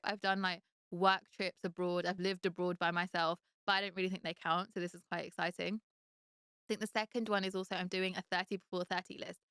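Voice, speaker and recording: Candid woman in late twenties, smooth voice. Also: medium pitch, fairly bright tone, dry recording, clean studio sound. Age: late 20s. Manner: candid, reflective, chatty with many "like" fillers. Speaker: podcast host. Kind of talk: solo podcast chat.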